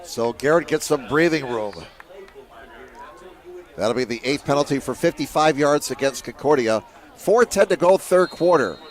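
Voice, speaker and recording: Man calling high school football play-by-play. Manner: steady play-calling that rises sharply on big plays. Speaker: play-by-play commentator.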